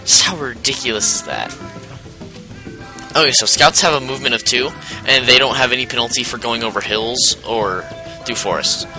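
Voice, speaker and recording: A man narrates a casual let's play at a medium pitch and normal speed, rambling through explanations of the game mechanics and often cutting himself off. Game music plays behind him, and the recording quality is low.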